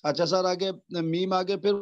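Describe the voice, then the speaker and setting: A man's voice: high-pitched, steady tone, muffled recording. A male student in an online tajweed class, explaining hesitantly and deferring often to his teacher.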